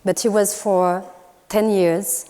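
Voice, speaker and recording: A woman artist from Morocco, native in Moroccan Arabic, gives a considered public talk at a university, hesitant and full of pauses, fillers and restarts. Her mellow, mid-range voice stays level, and the lecture hall gives it a long reverb.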